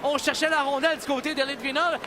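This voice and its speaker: High-pitched excited Quebec hockey commentator, man. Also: noisy background. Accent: Quebec French. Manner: rapid play calls rising to shouted goal calls. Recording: loud arena crowd and music behind. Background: hockey arena crowd and music.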